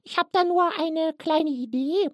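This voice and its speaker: Woman doing a cheeky high-voiced firefly. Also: no echo, studio quality. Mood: insistent. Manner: chatty, cheeky, quick to interrupt. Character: cheeky clever male firefly, upbeat know-it-all. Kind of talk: homemade family radio play.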